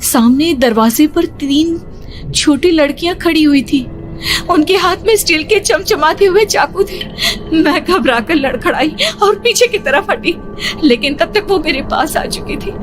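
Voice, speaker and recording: A woman's voice: high-pitched, a little slow, soft background music. A young woman narrating a cartoon horror story in the first person, with a tense, breathless delivery and sudden cries.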